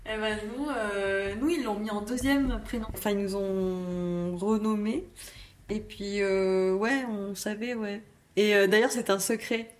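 A woman's voice: medium pitch, fairly even intonation, a little slow, a little hiss or hum. A woman speaking hesitantly with many fillers in a casual group discussion.

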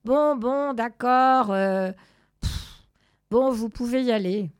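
A woman's voice: fairly high pitch, a little slow, gravelly, dry recording, studio quality, pitched above the performer's own voice. A woman doing a bossy chimpanzee doorkeeper. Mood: grumpy.

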